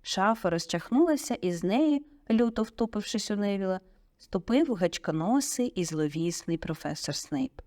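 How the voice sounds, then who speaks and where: A woman narrating an audiobook in a vivid, expressive storytelling manner on a close studio mic. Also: mid-range voice, normal speed, no room sound.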